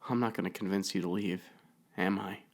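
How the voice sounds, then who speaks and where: A nervous but loyal young girl from a spooky audiobook, voiced by a man. She speaks with hesitation, then with quiet determination. Her voice rises only a little above a deep, low base. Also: steady tone, brisk. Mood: worried, resolute.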